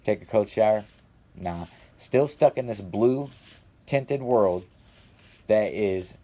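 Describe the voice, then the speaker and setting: A man's voice: fairly low pitch, dark tone. A young adult man telling a rambling, profane story about a personal experience in casual vlog fashion. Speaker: vlogger.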